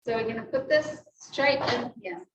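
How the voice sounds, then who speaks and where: This cooking instructor has a New Zealand accent and a fairly high, animated voice at a normal speed. She chats through each step of a live cooking class as she cooks in a kitchen. The recording is muffled and echoey, picked up by a distant mic.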